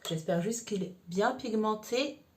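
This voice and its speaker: A woman's voice: mid-range voice, measured pace, a little mellow. A woman talking through a makeup tutorial step by step, casual and chatty with frequent fillers. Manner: chatty, explains each step with many fillers. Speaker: makeup vlogger.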